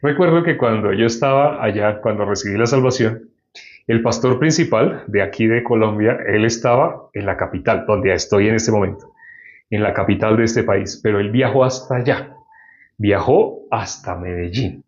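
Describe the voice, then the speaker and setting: A man's voice: fairly low pitch, normal speed. A man preaching a sermon and reading from the Bible, explaining and putting questions to his listeners. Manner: explanatory, asks the audience questions. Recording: dull lo-fi recording.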